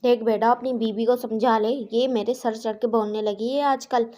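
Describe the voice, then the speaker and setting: Woman doing a bossy old mother-in-law, cartoon story, high voice, nagging tone. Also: fairly even intonation, normal speed, dark tone, highs cut off, natural voice. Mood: scolding. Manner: scolding, later pleading. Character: nagging elderly mother-in-law, seventy, domineering.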